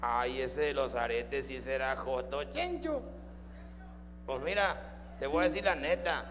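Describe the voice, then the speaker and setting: A man's voice: medium pitch, lively intonation, a little slow, big-room sound, voice pushed down, lightly acted. A man voicing a foul-mouthed male puppet who roasts the crowd with vulgar jokes, in a Mexican accent. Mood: mocking. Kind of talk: live ventriloquist comedy.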